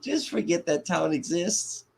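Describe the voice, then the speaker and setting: A man's voice: on the high side, expressive, unhurried, vocal fry, darkish tone, slightly rough. Guy from kenosha ranting on his live trial stream, swears a lot, super sarcastic. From Kenosha, Wisconsin. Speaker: livestream host.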